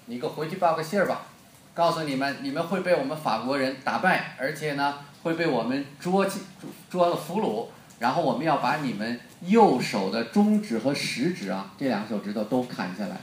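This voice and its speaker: A man's voice: medium pitch, lively intonation, brisk, echoey room, a little hiss or hum, lightly acted. A man with a Beijing accent playing an arrogant, scornful French commander in a retold story.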